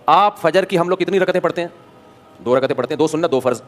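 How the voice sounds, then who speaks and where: Male religious scholar from Pakistan, somewhat high-pitched, with a chatty, anecdotal sermon delivery. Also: soft background music. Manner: animated storyteller, acts out dialogues, rhetorical questions.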